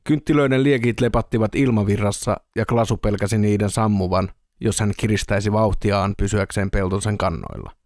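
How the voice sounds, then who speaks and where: A man reading an audiobook in a steady, even storytelling manner, close to the mic. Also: on the low side, hardly any pauses, dry recording. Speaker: audiobook reader. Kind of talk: audiobook narration.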